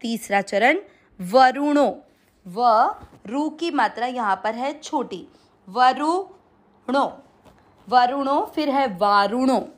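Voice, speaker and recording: A woman guides listeners through a Sanskrit verse one syllable at a time, her voice sitting a little high. She speaks very slowly and patiently, drawing out long vowels as she recites. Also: animated. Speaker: Sanskrit pronunciation teacher. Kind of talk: slow step-by-step recitation lesson.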